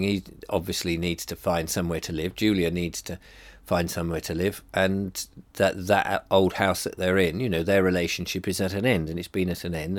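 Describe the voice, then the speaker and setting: A middle-aged vlogger with a blocked-up nose muses hesitantly to camera in a rambling personal reflection, full of ums and restarts. He sounds congested and bunged up, with a deep voice. The recording is dry.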